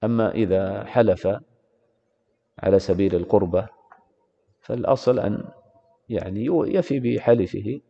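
A man's voice: lowish voice, normal speed, vocal fry, pauses often, warm tone, breathy edge. A man teaching Islamic law in a classroom lecture, repeatedly posing rhetorical questions to his students. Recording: reverberant hall, dull lo-fi sound.

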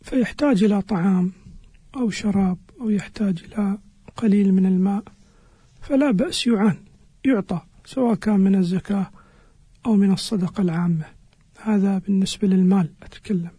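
A man explaining religious rulings as a scholar on a radio program, in a measured, halting way with pauses. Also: high-pitched, warm tone, husky, no room sound. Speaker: Islamic scholar answering listeners' questions.

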